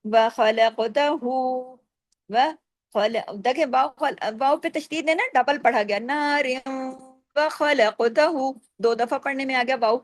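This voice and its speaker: A woman with a high, bright voice walks through recitation rules in a patient teaching manner, asking questions and answering them herself. She draws out the example sounds slowly and carefully. The recording is close and dry. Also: no room sound. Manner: patient, explains step by step, asks and answers her own questions. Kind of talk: tajweed lesson with recited examples.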